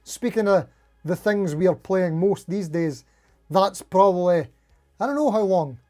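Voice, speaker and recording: A man's voice: high voice, expressive, measured pace, a little mellow, soft background music. A man hosting a casual live stream, rambling in a jittery, over-caffeinated, self-deprecating way as he chats to viewers. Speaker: live stream host, guitar player.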